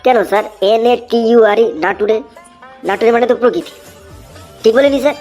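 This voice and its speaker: A cheeky village schoolchild, voiced by a woman in a cartoon comedy, chanting in a sing-song and eager to answer. Soft music plays underneath. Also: a little high, fairly quick, lo-fi sound, natural voice. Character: cheeky village schoolchild who reads English wrongly.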